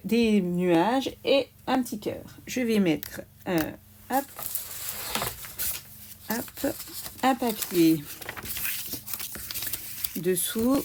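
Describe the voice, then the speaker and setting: Woman, craft tutorial host, unhurried step-by-step delivery, faint background noise. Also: mid-range voice, a little mellow. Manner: slow, explaining each step aloud, small "hop" asides. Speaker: craft demonstrator.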